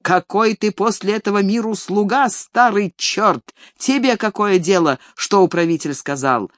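A reader voicing a defiant young peasant man who shouts angrily in an audiobook story. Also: mid-range voice, unhurried, no echo, clean studio sound, voice pushed up, lightly acted. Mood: angry. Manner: loud, angry.

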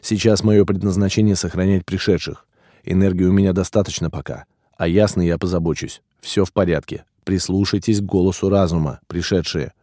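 A solemn otherworldly guardian speaking with quiet, measured gravity, as a man reading an audiobook puts him on. The voice is very low and mellow. It sits close and dry. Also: steady tone, dry recording. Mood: calm.

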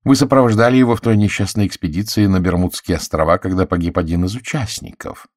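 A man voicing a shrewd, courteous middle-aged detective who questions in a gentle, self-assured way, in an audiobook. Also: low voice, steady tone, fast, no room sound, clean studio sound, close to an everyday voice. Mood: probing. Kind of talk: audiobook character voice.

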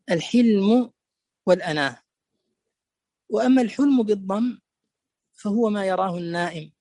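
High-voiced man giving a classical lecture. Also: a little mellow, dry recording. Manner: deliberate, repeats key words to stress them. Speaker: teacher explaining a poem.

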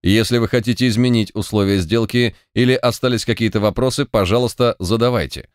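A man's voice: medium pitch, moderate pace, dry recording, clean studio sound, pitched above the performer's own voice, lightly acted. A man doing a cold, indifferent deal guarantor. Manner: flat, formal, businesslike. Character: coldly indifferent male deal guarantor in a suit.

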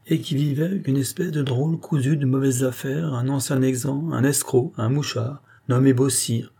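Chatty apothecary, amused and gossipy, warm low rasp, read by a man. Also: steady tone, moderate pace.

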